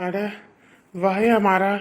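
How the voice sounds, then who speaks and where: A woman performs an audio drama role as an exhausted young husband frantically looking for his missing wife, tearfully pleading and full of worry. She speaks very slowly in a mid-range voice with a steady tone.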